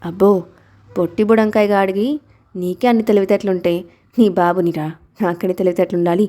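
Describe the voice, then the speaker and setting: A woman reading a storybook who voices a calm, loving young father, gentle and teasing when he speaks. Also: mid-range voice, brisk, close to an everyday voice.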